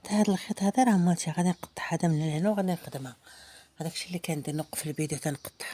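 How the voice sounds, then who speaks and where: Fast-talking Moroccan woman teaching embroidery. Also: on the low side, dark tone. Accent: Moroccan Arabic. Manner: chatty, thinks aloud while working, drops into murmurs to herself. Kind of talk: casual hands-on craft tutorial.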